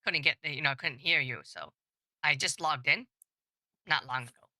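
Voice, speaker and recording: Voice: medium pitch, moderate pace, pushed and bright, dry recording. A woman's voice through a voice changer, a scambaiter talking casually and hesitantly as she plays along on a call with a scammer. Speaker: scambaiter posing as a victim. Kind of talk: live-streamed call with a scammer.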